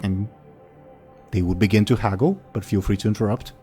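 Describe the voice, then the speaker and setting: A man running a tabletop game, improvising the narration in a hesitant, informal, halting way. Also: fairly low pitch, mellow, faint music behind. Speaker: game master.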